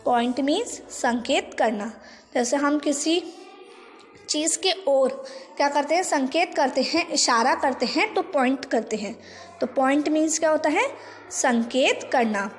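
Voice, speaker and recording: High-voiced woman teaching vocabulary. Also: in a large hall. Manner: repeats each word and meaning, asks questions then answers them; spells words out letter by letter slowly. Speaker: school teacher. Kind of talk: vocabulary lesson for children.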